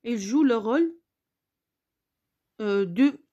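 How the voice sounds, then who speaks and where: A woman teacher giving a spelling lesson, patiently repeating words slowly for her pupils. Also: a little high, expressive, warm tone, muffled recording.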